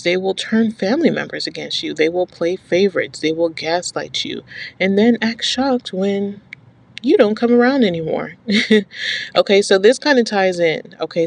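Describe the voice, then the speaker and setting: A woman's voice: deep voice, gravelly. Emphatic woman giving advice to camera. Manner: emphatic, repeats points, checks in with "okay?". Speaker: advice vlogger. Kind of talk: direct-to-camera advice talk.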